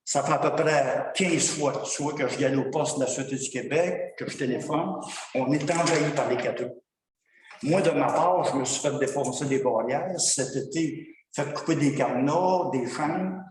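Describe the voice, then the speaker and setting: A fed-up man with a Québécois French accent tells his grievances at a town council meeting in a rambling, colloquial way. His voice sits a little high and comes from well away from the mic. It echoes around a large hall with a long reverb, and steady noise is audible underneath. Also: moderate pace, recorded from a distance. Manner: rambling, frustrated, colloquial storytelling. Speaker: citizen at council question period. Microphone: far from the microphone.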